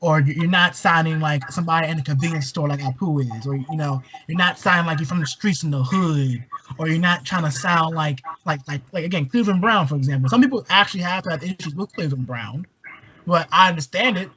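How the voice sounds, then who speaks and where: A man from Maryland in a casual podcast chat, talking in a rambling, animated way with lots of fillers. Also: fairly high pitch, brisk. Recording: dull lo-fi sound with faint hiss.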